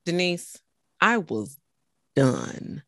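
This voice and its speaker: A podcaster guest telling an emotional faith story in a conversation, animated and full of restarts. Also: mid-range voice, extremely slow, creaky, no echo, studio quality. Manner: animated, faith-filled testimony with many restarts.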